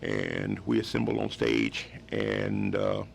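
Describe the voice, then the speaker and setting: A man's voice: rumbling low, little pitch movement, takes it slowly, creaky, slight background noise. A man in his fifties from West Virginia telling stories as a guest on a radio interview, rambling and restarting his sentences often. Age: 50s. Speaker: guest musician.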